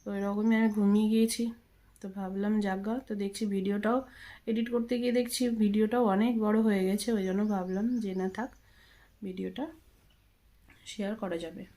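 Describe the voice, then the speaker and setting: A woman's voice: mid-range voice, steady tone, fairly quick, warm tone, poor audio. A woman in her thirties from Bengal chatting casually through her home vlog as she explains her chores. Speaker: vlogger. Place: home kitchen and bedroom.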